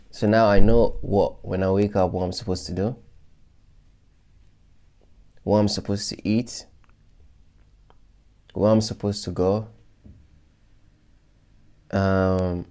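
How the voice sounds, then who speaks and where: A man with a low, warm voice vlogs casually to his followers, reflecting on his goals. It's a loose motivational talk full of fillers and restarts.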